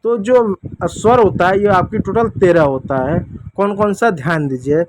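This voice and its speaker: High-voiced man teaching children. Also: noisy background. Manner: patient, repeats sounds slowly for children to copy. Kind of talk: Hindi alphabet lesson for children.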